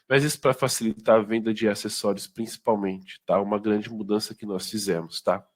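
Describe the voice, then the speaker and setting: Brazilian man, lowish voice, casual product presenter who keeps checking in with the audience. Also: fairly even intonation, a little fast. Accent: Brazilian Portuguese. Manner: conversational, many fillers and tag questions. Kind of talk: informal sales training talk.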